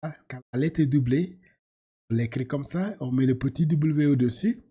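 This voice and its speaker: A man's voice: mid-range voice, moderate pace, warm tone, slightly rough. A man teaching a class to read Arabic letters, patiently repeating syllables and often laughing as he explains. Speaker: Quran reading teacher.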